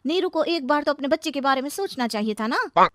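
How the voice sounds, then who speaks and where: A woman voicing a scornful, sharp-tongued young sister-in-law in a cartoon story. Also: sits high, lively intonation, a little fast, heavy background noise, voice pushed up.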